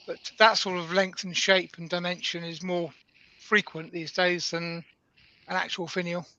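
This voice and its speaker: A man's voice: high voice, level tone, normal speed, sharp tone, dull audio. A man hosting a woodturning live stream over a call, hesitant and self-mocking, with lots of ums. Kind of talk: casual live-stream chat.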